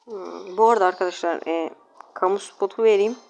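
A woman's voice: medium pitch, a little fast, creaky, darkish tone, a little hiss or hum. A woman casually commenting on her own mobile game matches, talking to viewers and opponents, grumbling, exasperated and self-mocking. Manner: self-mocking, jokey asides.

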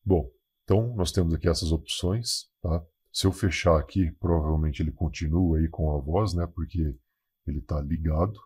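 Extremely deep, dark, filtered male voice. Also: normal speed, husky. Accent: Brazilian. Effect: deep male voice-changer filter. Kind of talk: casual software tutorial narration.

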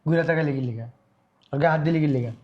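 A man's voice: a little high, fast, highs cut off, lightly acted. A stern, hardworking elder brother, played by a man in a family drama. He scolds his sibling in a slightly raised voice. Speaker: actor. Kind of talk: village family drama acting.

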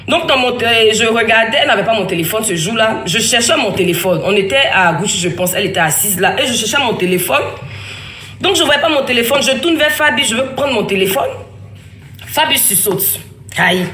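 A woman's voice: on the high side, lively intonation, fairly quick, pushed and bright. A woman, telling a family story in a rambling, emphatic way, acting out other people's lines. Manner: rambling, emphatic, with frequent restarts and quoted dialogue. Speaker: mother telling her story. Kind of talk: casual spoken testimony. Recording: echoey room with faint ambient noise.

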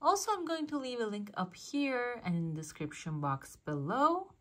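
A woman's voice: on the high side, very animated, normal speed, a bit bright. Woman fortune teller giving a reading. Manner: fortune teller addressing the viewer, musing as she interprets. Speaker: fortune teller, channel host. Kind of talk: casual coffee cup fortune-telling reading.

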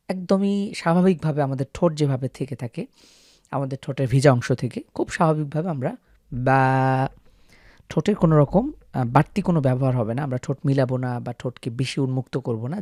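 A man's voice: mid-range voice, a little mellow, no room sound, clean studio sound. A man teaching how to pronounce Arabic letters, explaining patiently step by step to viewers. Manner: patient, step-by-step, stretches out the sample letter sounds. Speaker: Quran recitation teacher.

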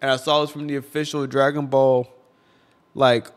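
A young man on the edge of tears talks in a mid-pitched, ordinary voice, stumbling over and repeating his words. His speech is casual and full of slang, heartfelt and broken up. He records himself at home in his room. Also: level tone, moderate pace. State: close to tears. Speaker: video creator. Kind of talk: emotional tribute vlog. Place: his own room, among collectibles.

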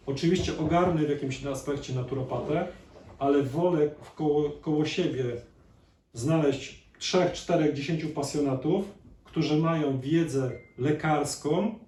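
A man's voice: a little high, unhurried, mellow. A man giving a conversational live lecture to an audience as a chiropractor, often putting questions to the listeners. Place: lecture hall. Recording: echoey hall, distant mic, faint noise.

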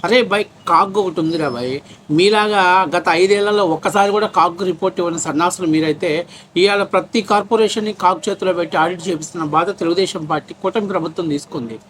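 A man's voice: high-pitched, a little fast, fairly bright tone. A man from Pradesh, ranting in political commentary with a scornful, mocking, name-calling manner. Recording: faint background noise.

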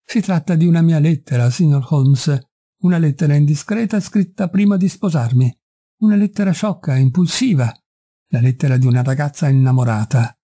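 A man's voice: a little high, brisk, mellow, natural voice. A man putting on an imploring young noblewoman. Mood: confessing. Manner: imploring, breathless pleading. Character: distraught pleading young noblewoman. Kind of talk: audiobook reading.

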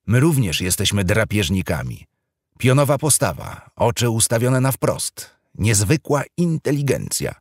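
A man's voice: fairly low pitch, very animated, a little slow, no room sound, clean studio sound, pitched above the performer's own voice, full character voice. A man voicing a serious, declamatory male documentary announcer on television, in an audiobook. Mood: grave.

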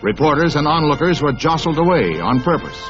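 A man narrating a 1960s newsreel in a brisk, wry announcer style with punning asides, on an old newsreel soundtrack. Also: a little high, very animated. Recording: dull lo-fi old film sound with music underneath.

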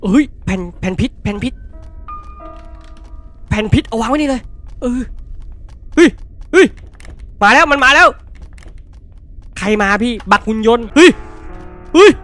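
A man's voice: extremely high pitch, lively intonation, normal speed, long pauses, faint music behind. A man playing a horror game on his channel, talking to viewers and letting out startled yelps and laughs. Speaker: gaming YouTuber. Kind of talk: excitable horror game commentary.

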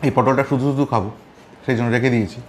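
A man's voice: medium pitch, rapid-fire, background noise. Man talking while chewing food. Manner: savoring, relaxed, talks between bites. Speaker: eating show host. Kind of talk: casual mukbang commentary.

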